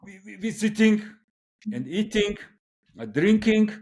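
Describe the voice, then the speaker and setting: Slow, higher-pitched Mongolian-accented man, halting English. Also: lively intonation, a little mellow. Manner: halting English, repeats words for emphasis. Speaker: interview guest. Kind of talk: casual opinionated conversation.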